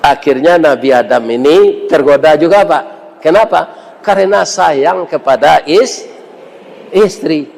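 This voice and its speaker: A man's voice: on the high side, a little slow, vocal fry, darkish tone, big-room sound. A man with a Minangkabau accent giving a humorous sermon, joking and asking the audience questions. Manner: jokey, questions the audience, acts out quotes. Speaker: preacher.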